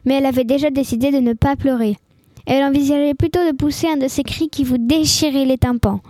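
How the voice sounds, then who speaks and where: A woman narrating a children's story in a lively, expressive reading. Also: sits high, fast talker, no echo. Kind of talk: scripted audiobook narration.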